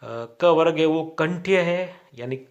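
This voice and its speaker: A man teaching grammar at a college, speaking deliberately, spelling out sounds one by one and filling pauses with "a". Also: on the high side, highs cut off. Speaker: college Hindi lecturer. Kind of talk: classroom grammar lecture.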